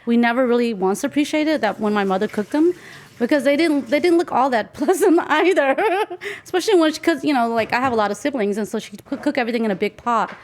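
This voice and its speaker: She's a fast-talking home cook in her 40s, from Nashville, with a fairly high voice, sharing casual, reflective stories as she cooks for an interview. The field recording in her kitchen is clicky and noisy.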